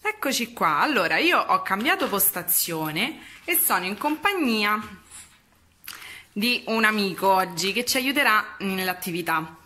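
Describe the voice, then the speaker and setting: A teacher, a woman, reading a story aloud to children in an expressive, animated way. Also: medium pitch, a little slow.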